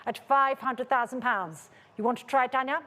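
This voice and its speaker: A woman with a fairly high voice runs a live auction in a large, reverberant room. She calls and repeats bid figures with polite, controlled insistence, keeping steady command of the sale. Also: normal speed, a little hiss or hum.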